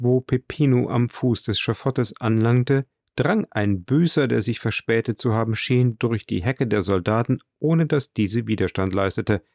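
A man reading a classic novel aloud in measured audiobook narration. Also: medium pitch, vocal fry, darkish tone, no room sound, studio quality. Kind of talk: scripted narration.

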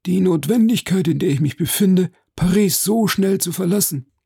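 A man reading an audiobook, voicing a pompous older male marquis with fussy, high exclamations. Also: normal speed, creaky, dark tone, slightly rough, exaggerated voice. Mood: fawning.

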